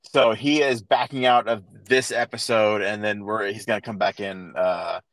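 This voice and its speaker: A man's voice: on the low side, fairly even intonation, normal speed, fairly bright tone, no echo, low-quality recording. A man in his thirties hosting a casual podcast, telling a long story with restarts and fillers. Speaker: podcast host. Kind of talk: casual chat.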